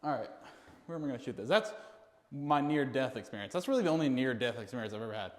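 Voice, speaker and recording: A young man talks fast and tells a story in a loose, rambling way, laughing along as he goes. His voice rings out with a long reverb, as if in a big hard room. It is casual podcast chat over a game of pool. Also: medium pitch, lively intonation. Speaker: podcast co-host.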